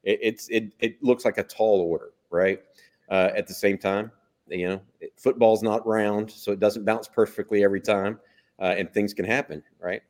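A man's voice: on the low side, steady tone, moderate pace, a little mellow. A man hosting a sports talk show, chatting and putting questions to his co-host. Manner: conversational, asks guest questions.

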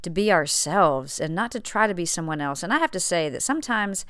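Earnest woman host, smooth dry voice. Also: on the low side, expressive, fairly quick, a bit bright, no echo. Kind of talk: spoken introduction.

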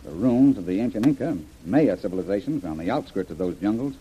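An actor playing a hearty, fearless jungle adventurer in an old-time radio serial. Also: male voice, on the low side, lively intonation, fast, slight background noise, lightly acted. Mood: brisk, eager. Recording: muffled vintage radio broadcast.

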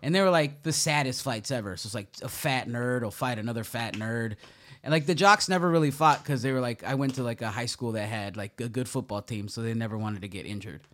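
A man's voice: mid-range voice, brisk, fairly bright tone. A man co-hosting a comedy podcast, joking crudely and reading news stories between bursts of laughter. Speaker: podcast co-host.

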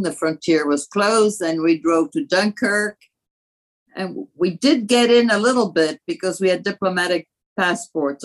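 A woman in her eighties from France, recounting family history as a guest in a measured way with frequent hesitant pauses. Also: fairly low pitch, poor audio. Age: 80s. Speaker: guest, grandmother.

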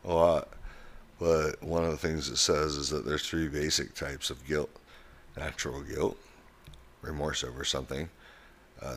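A man hosting a podcast as a coach, giving casual advice in a blunt, emphatic way. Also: a bass voice.

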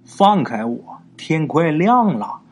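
A man voicing a long-dead weasel spirit that possesses a person, speaking in a thin, high voice and begging to be let go. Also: big pitch swings, slow, darkish tone, a little hiss or hum. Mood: pleading.

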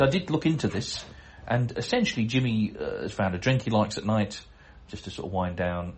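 A middle-aged man with a lowish voice hosts a casual podcast. He reads listener mail aloud and keeps stopping to chuckle and poke fun at himself. His delivery is relaxed and conversational, with plenty of asides. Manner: chatty, chuckling, self-deprecating asides. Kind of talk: casual chat and letter reading.

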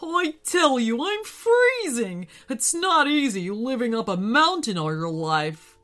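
A woman's voice: a little high, sing-song, slow, a bit bright, heavily acted. A woman voicing a huge, grumpy but friendly male yeti who grumbles with a folksy, exasperated manner. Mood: eager.

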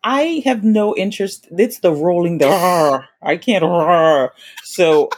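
A woman's voice: medium pitch, expressive, normal speed, darkish tone, a little hiss or hum. A woman co-hosting a podcast, chatting casually and laughing often as she agrees along. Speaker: podcast co-host. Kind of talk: casual chat.

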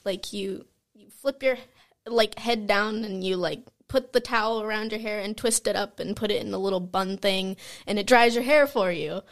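A woman's voice: medium pitch, normal speed. A young woman co-hosting a podcast, chatting casually and rambling through stories with frequent giggles. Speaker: podcast co-host. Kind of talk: casual chat.

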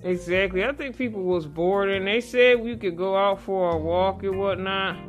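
A woman host talks through a face mask, so her words come slightly muffled. Her pitch is average and her delivery is folksy and earnest, in a casual interview style. Guitar music plays clearly behind her. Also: moderate pace.

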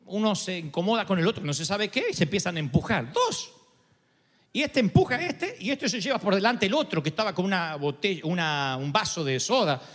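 Animated preacher in a reverberant hall. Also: male voice, sits high, brisk. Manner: animated preaching, acts out quoted voices. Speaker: pastor. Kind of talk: sermon.

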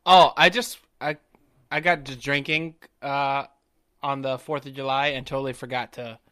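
A Southern-accented man co-hosts a podcast of casual, profane chat, spinning stories full of swearing and acting out quotes with animated flair. His voice is medium-pitched at a normal speed.

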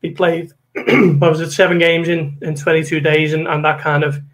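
A man's voice: a little high, flat delivery, moderate pace, a bit bright, low-quality recording. A British man giving casual football analysis as a correspondent guesting on a podcast.

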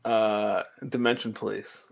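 A man's voice: fairly low pitch, little pitch movement, a little slow, vocal fry. A man in his thirties co-hosting a casual podcast, giving dry, short offhand replies. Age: 30s. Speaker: podcast co-host. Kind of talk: casual chat.

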